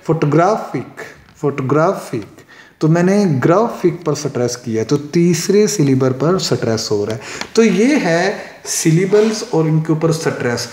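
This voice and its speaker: Man, English teacher, higher-pitched voice, echoey room, slow careful definitions, repeated example words. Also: sing-song, darkish tone. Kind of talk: classroom lesson explaining poetic meter.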